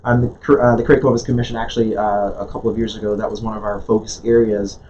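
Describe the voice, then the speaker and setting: A man born in Jamaica speaks as an interview guest in a low, earnest voice and often restarts his sentences. The sound is dull and lo-fi. A faint hiss sits underneath. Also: level tone, quick pace, darkish tone. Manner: earnest, many restarts and fillers. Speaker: guest, nonprofit leader. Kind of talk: conversational interview.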